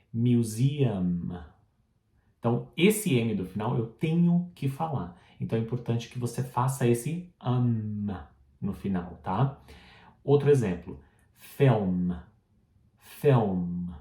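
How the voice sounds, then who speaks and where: A Brazilian man gives a patient pronunciation lesson, saying each model word slowly and asking the viewer to say it back. His voice is mellow and unhurried. It has a medium pitch and is recorded in a roomy, echoing space. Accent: Brazilian Portuguese. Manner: patient, repeats model words slowly, asks the viewer to repeat; frequent checking tag questions. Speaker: English pronunciation teacher. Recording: roomy echo.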